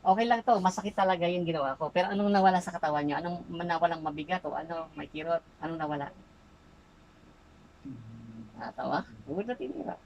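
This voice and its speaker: A woman's voice: fairly low pitch, fast, a little mellow, poor audio. A woman folk healer interrogating a spirit during an exorcism, insistently repeating short questions.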